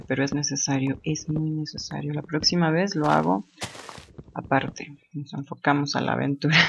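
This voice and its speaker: Woman, casual gameplay commentary, chatty, thinks aloud, muffled low-fi sound. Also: creaky, slight background noise. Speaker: gamer. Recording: dull lo-fi home recording.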